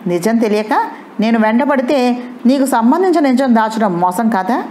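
A woman's voice: a little high, animated, normal speed, darkish tone, a little hiss or hum, natural voice. Brief: a woman doing a hurt, jealous husband with strained, accusing questions. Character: husband, man, jealous and wounded.

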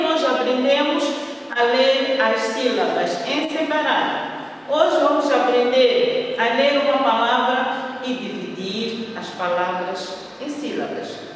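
A woman teaching first-graders at home with a Mozambican Portuguese accent, speaking slowly and patiently, repeating each word as she counts its syllables. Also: high voice, slight background noise. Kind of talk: remote lesson for children at home. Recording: echoey room, voice from a distance.

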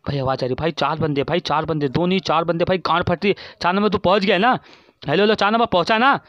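A man giving profane, frantic commentary while playing an online shooter, constantly shouting at his teammates, recorded on a dull lo-fi mic. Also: fairly high pitch, fast talker, dry recording. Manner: swearing, yelling at teammates. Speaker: gaming streamer.

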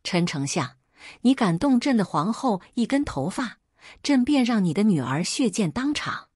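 An imperious young emperor, as a woman puts him on issues orders from a city wall in an audio storybook. The voice is husky and lifted, and the read is dry and close. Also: medium pitch, big pitch swings, moderate pace, darkish tone, no echo. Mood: commanding. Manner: imperious, proclamatory. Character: commanding young male emperor.

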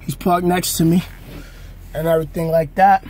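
A man's voice: fairly high pitch, slight background noise. A man in his thirties, a truck driver, chatting casually to viewers from his sleeper cab while showing a workout. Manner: slow, relaxed talk to viewers, showing a bunk workout. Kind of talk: casual vlog chat. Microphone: phone camera on a stand nearby.

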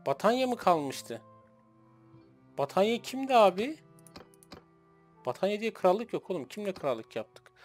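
A man streaming a battle game, loudly ordering his troops around and mocking the enemy in a rowdy, playful way. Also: high-pitched, big pitch swings, unhurried, long pauses, faint music behind. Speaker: gameplay streamer. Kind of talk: playing a strategy game live, commenting.

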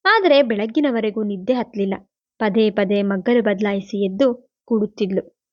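A woman narrating a novel as an audiobook, in a steady, even storytelling manner. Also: mid-range voice, normal speed, dry recording, lo-fi sound. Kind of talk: novel reading.

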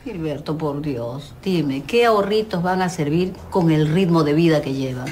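A fretful, gossipy older shopkeeper woman, played by an actress in a TV sitcom. Her voice sits low and she laments her neighbors' money troubles. A faint hum of the shop set lies behind her. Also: normal speed, darkish tone, lightly acted. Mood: worried. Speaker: shopkeeper worrying about rich neighbors. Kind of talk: television sitcom acting. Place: corner shop set, indoors.

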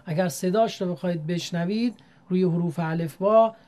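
Measured woman teaching Quran reading. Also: lowish voice, dark tone. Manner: measured, drawing out each demonstrated syllable; polite formal address to learners. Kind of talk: recitation lesson.

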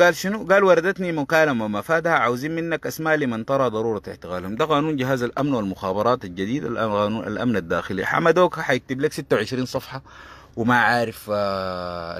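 A man's voice: mid-range voice, a bit bright, no room sound. A man with a Sudanese Arabic accent giving a heated political commentary monologue, combative and sarcastic, hammering points by repeating them.

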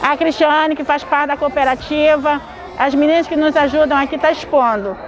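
A woman's voice: high-pitched, steady tone, over loud music, over a noisy crowd, low-quality recording. A Brazilian woman artisan speaking hesitantly in an outdoor street interview at a craft fair. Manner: hesitant, halting. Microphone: lapel mic.

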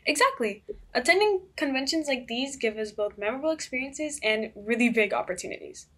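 A woman's voice: fairly high pitch, lively intonation, a little fast, a bit bright. A teenage girl who is a guest on a student podcast, eager and a little rehearsed. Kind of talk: podcast interview.

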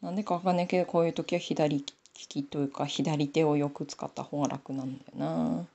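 Chatty gravelly-voiced Nanbu-accented woman. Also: low voice, fairly even intonation, brisk, dark tone, highs cut off. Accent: Nanbu dialect of Aomori. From Aomori, Japan. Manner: chatty, talking to herself while knitting. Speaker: sock knitting YouTuber. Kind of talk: casual knitting tutorial chat.

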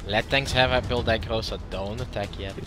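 A man's voice: lowish voice, fairly even intonation. Man calling shots in raid chat. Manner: gives quick commands, swears when annoyed. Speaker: raid leader. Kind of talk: casual gaming voice chat. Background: loud game music.

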